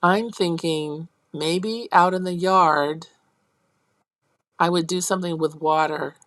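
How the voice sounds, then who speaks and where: A woman instructor giving a college lecture on early childhood teaching, explaining step by step, checking in with her class and acting out teacher and child lines in a high, animated voice. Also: slow, no room sound.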